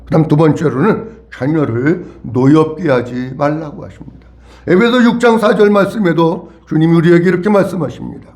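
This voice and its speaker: A man's voice: a little high, fairly quick, darkish tone. A male pastor preaching a sermon, leading the congregation in call-and-response.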